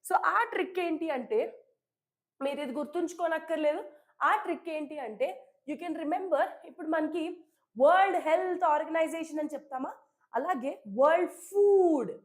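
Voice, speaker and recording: A woman teaching chemistry in a live online class, speaking, hoarse and coughing from a sore throat, chatty and checking in with students often. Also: sits high, moderate pace. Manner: chatty, keeps checking in with "okay?". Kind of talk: live online class, Telugu-English mix.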